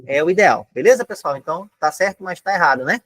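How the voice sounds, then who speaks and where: Animated and fast-talking, this man has a high, slightly bright voice captured on a dry recording. He's Brazilian, teaching a casual online exam-prep lesson from his home room, chatting with many filler tags and explaining step by step.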